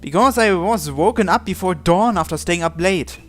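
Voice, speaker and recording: Reading a visual novel aloud as a let's-play, this man voices the narration and every character himself, without changing his plain, somewhat high-pitched voice. His pace is moderate. Soft game music stays low in the background.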